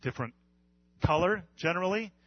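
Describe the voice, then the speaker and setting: A male pastor from the United States preaching an earnest sermon, with measured pauses and repetition. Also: sits high, expressive, muffled recording.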